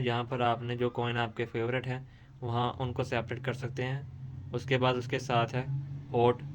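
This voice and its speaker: A man's voice: mid-range voice, slight background noise. A man, hosting a screen-recorded tutorial and explaining steadily, with frequent restarts. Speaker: tutorial host.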